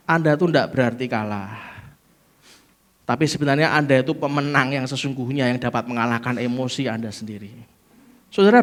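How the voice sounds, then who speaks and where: A middle-aged man with a Javanese accent preaching a sermon, swinging between loud exclamations and soft asides and throwing rhetorical questions at the congregation. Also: medium pitch. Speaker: pastor.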